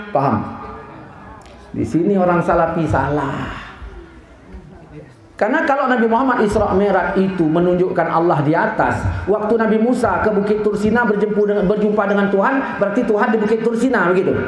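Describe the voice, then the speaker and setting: A male preacher giving an animated, jokey sermon full of stories and acted voices. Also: sits high. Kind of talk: sermon with storytelling. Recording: very echoey hall PA sound.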